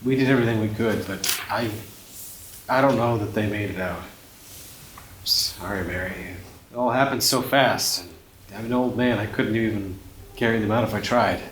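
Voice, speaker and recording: A weary old investigator, as a player voices him, gentle and consoling, in a lowish voice. The room echoes, and clear background noise runs under him. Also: male voice, moderate pace, pauses often, close to an everyday voice.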